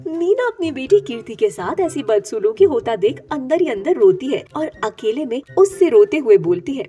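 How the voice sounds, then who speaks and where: A woman narrating a children's story in an expressive storybook manner. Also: high voice, moderate pace, highs cut off.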